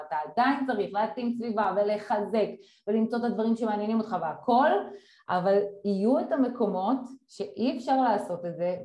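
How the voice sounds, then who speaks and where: A woman speaking as a guest expert in a conversation, explaining things in a measured way with frequent fillers. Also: medium pitch, dark tone. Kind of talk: casual conversation. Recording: roomy echo.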